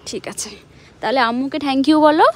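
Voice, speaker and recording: A woman's voice: high-pitched, moderate pace, darkish tone. A young mother talking to her small child in a sing-song, coaxing way while filming outdoors in a rooftop garden. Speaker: mother and vlogger.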